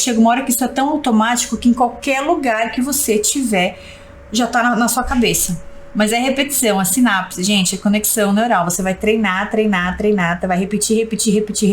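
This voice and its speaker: A woman's voice: a little high, a little hiss or hum, rough recording. Brazilian woman coaching a live class. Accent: Brazilian Portuguese. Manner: repeats "tá?" to check in, drills points by repetition. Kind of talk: live-stream lesson, reading viewer comments.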